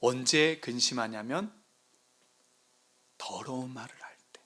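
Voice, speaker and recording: A man preaching a sermon as pastor of a new church, asking the congregation rhetorical questions and swinging between loud emphasis and hushed whispers. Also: medium pitch, unhurried.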